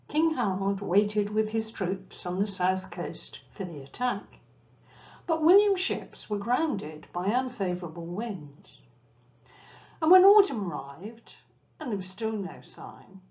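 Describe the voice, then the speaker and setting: A woman giving a history lecture, telling the story in a measured way with asides to her listeners. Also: mid-range voice, darkish tone, highs cut off. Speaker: cruise ship enrichment lecturer. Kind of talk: history lecture over slides.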